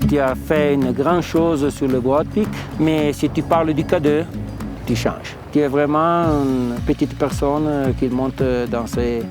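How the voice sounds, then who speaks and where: A man's voice: fairly high pitch, fairly even intonation, a little slow. A man whose first language is not French, speaking as a climbing mentor in an interview and giving frank advice in simple phrasing. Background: loud music.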